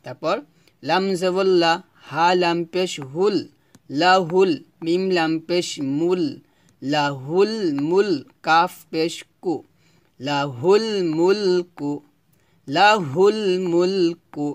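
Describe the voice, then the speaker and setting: A man teaches Quran reading, drawing out each Arabic syllable slowly so learners can repeat after him. His voice sits a little high and comes through smooth and clear. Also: fairly even intonation. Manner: slow, drawn-out syllable-by-syllable recitation, repeating for students to follow.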